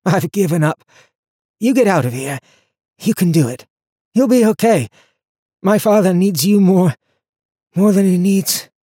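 A man's voice: sits high, animated, unhurried, pauses often, mellow, slightly rough, no room sound, clean studio sound, voice pushed up, full character voice. A man voicing an admiring young man. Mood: sleepy. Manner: eager, then sleepy.

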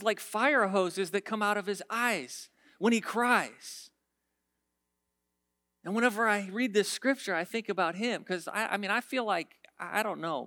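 A man's voice: sits high, no echo, studio quality. A man preaching a casual, conversational sermon, telling stories and turning emphatic as he reads scripture. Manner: storytelling, swings from quiet to emphatic.

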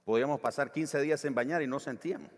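A man preaching a sermon as pastor, animated, acting out the voices of the people in his stories. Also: mid-range voice, quick pace, in a large hall, a little hiss or hum.

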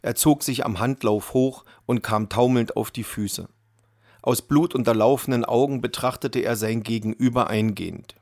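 A man reads an audiobook aloud in an even, measured way, his voice pitched in the middle. The narration is scripted and captured as a dry, studio-quality recording.

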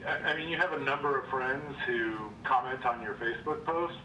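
A man's voice: mid-range voice, a little fast. A man calling in to a live show from Arizona, joking and arguing as a devil's advocate. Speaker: caller. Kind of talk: call-in radio chat. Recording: echoey, distant, noisy phone call.

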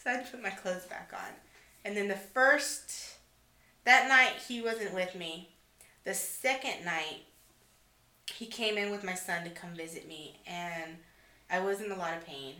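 Bright-voiced woman telling stories, echoey room. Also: medium pitch, unhurried. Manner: animated, laughing, acts out quotes. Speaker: podcast guest. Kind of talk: casual storytelling chat.

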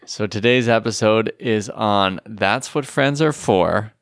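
Low-voiced, rambling male podcast host. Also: slow, gravelly, no room sound, clean studio sound. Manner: rambling, with many fillers and restarts. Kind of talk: casual chat.

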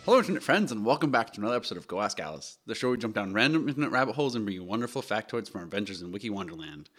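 A young man co-hosting a podcast in casual chat, giggly and quick to laugh. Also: fairly low pitch, very animated, a bit bright, faint music behind. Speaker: podcast co-host.

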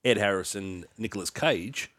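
A man's voice: fairly low pitch, normal speed, a bit bright, no room sound, clean studio sound. A man co-hosting a podcast in casual chat, laid-back and chiming in with short agreements and jokes. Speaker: podcast co-host.

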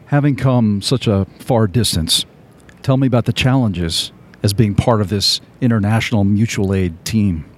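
A man interviewing a guest in a relaxed, joking, chatty way. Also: on the low side, normal speed. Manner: jokey, chatty. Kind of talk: conversational interview.

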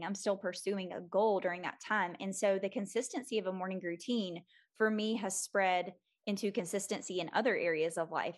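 A woman in her thirties talks as a guest on a casual podcast. She sounds friendly and earnest, and her voice has a medium pitch. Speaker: guest, mom coach. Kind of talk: casual interview chat.

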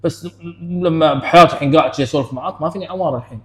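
A man's voice: a little high, very fast, a bit bright. A man, hosting a casual clinical talk, who tells patient stories animatedly and acts out the dialogue. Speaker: podcast host, clinician.

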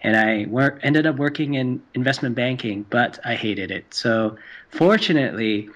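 A man's voice: medium pitch, moderate pace, a bit bright, muffled recording. A man from Hong Kong, a game developer being interviewed, friendly and eager with frequent restarts. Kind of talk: casual podcast interview.

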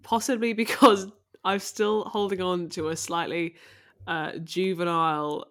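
Woman in casual chat, laughs at herself, lowish voice. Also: fairly even intonation, unhurried, a bit bright. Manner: laughing, self-mocking.

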